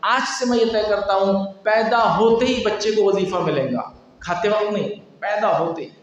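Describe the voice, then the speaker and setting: A male preacher quoting a remorseful ruler who makes a slow, emphatic declaration, recorded from a distance in an echoey hall. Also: high-pitched, pitched above the performer's own voice, close to an everyday voice. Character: remorseful ruler scolding himself, earnest. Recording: echoey hall, distant mic, faint noise.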